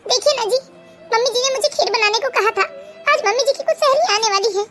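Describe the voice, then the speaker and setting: A woman's voice: very high-pitched, fast talker, fairly bright tone, faint music behind. A woman voicing a meek, timid young bride in a cartoon. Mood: tearful. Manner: timid, tearful. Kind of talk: Hindi cartoon voice acting.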